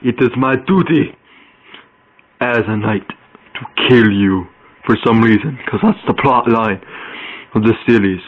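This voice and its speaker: A man voicing a vengeful masked knight in a home-made plush video, with a flat, joking delivery. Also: medium pitch, a little slow, pauses often, phone-quality sound, lightly acted. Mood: mock-grave. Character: vengeful masked male knight, rival turned friend.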